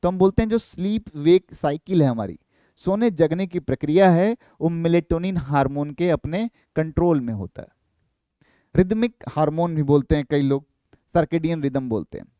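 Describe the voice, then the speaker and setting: Young male biology tutor, high pitch, dry studio mic, fires off rhetorical questions. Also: animated, dark tone, clean tone, no room sound. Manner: explains with rhetorical questions and quick self-answers. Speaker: biology teacher. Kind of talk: exam-prep lecture.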